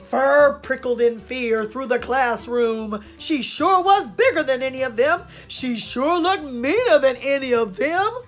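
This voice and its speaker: Woman storyteller, high-pitched, slow pace, expressive, animated children's read-aloud. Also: faint music behind. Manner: animated, dramatic emphasis. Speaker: storyteller and show host.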